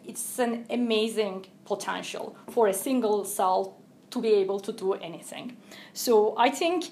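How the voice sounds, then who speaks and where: A Turkish woman who is a researcher answers interview questions as a guest, explaining carefully and pausing thoughtfully. Her voice is mid-range, with slight background noise.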